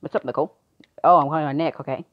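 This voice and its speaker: Woman reading a homemade skit, kinda halting, low voice, dull lo-fi sound. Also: steady tone. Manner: unpolished, halting line delivery. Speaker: skit performer voicing both parts. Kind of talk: amateur home-made skit reading.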